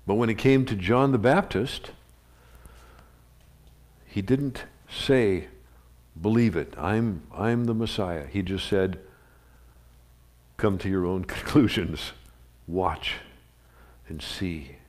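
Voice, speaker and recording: Pastor, male, lowish voice, conversational storytelling sermon from a church livestream. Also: lively intonation, slow pace, long pauses, a little mellow. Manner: conversational storytelling with asides and chuckles. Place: church sanctuary. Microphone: livestream recording of a live service.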